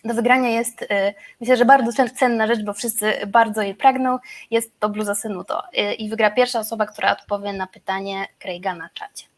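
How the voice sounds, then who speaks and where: A woman's voice: mid-range voice, steady tone, quick pace. A woman with a Polish accent hosting and introducing an informal webinar. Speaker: webinar host.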